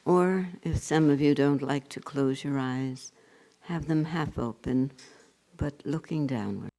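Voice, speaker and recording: A man with a voice on the high side and noticeable vocal fry guides a meditation as a spiritual teacher. He speaks in short phrases, leaves long pauses and finishes each one in a hushed tone.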